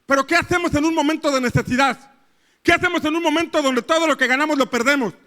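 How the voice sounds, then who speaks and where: A man's voice: extremely high pitch, quick pace, sharp tone. A man preaching a sermon as pastor, repeating rhetorical questions and acting out the voices in the story.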